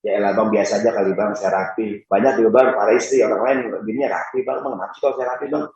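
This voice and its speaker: A man's voice: lowish voice, fairly even intonation, racing, darkish tone, distant mic, pitched below the performer's own voice, close to an everyday voice. A talkative wife rattles on and on at her husband, as a preacher acts her out. The sound is muffled and lo-fi, with the ring of a large hall behind it. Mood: nagging. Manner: long-winded, complaining, keeps saying abang. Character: nagging chatty wife, young adult woman. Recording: roomy dull mosque hall.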